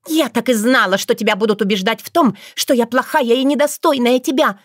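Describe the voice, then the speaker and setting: A woman voicing a pushy, vain young vixen with a shrill, wheedling manner in an audiobook. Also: fairly quick, dry recording, clean studio sound, lightly acted. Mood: indignant. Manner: shrill, wheedling then hissing. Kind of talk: audiobook character voice.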